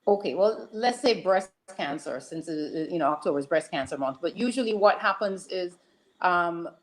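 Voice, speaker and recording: A woman's voice: fairly low pitch, expressive, normal speed. A woman surgeon calling in over a crackly, static-filled phone line, answering hesitantly with many ums and restarts. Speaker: guest general surgeon. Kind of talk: call-in interview answers.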